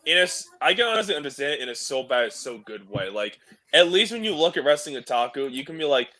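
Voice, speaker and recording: Rambling, bright-voiced man. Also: fairly high pitch, big pitch swings, fast talker. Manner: rambling, laughs often, hedging restarts. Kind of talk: casual stream chat.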